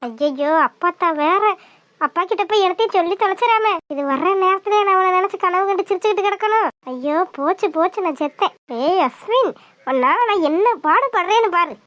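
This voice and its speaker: A woman voicing a bold, lively young village girl in a cartoon, who speaks outspokenly. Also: extremely high pitch, fairly quick, no echo. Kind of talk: cartoon voice acting.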